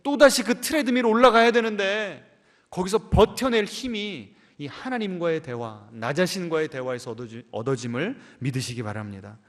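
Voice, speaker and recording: A male pastor preaching a sermon, questioning his congregation and swinging between emphatic raised lines and soft low endings. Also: expressive, moderate pace. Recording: church hall with long reverb.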